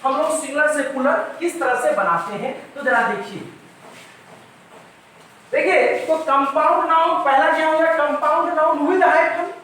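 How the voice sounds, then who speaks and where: High-voiced man teaching, echoey room. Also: a little slow, pushed and bright, a little hiss or hum. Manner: repetitive, asks questions and answers them himself. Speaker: English teacher. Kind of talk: classroom-style grammar lesson. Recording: very echoey room, mic at a distance.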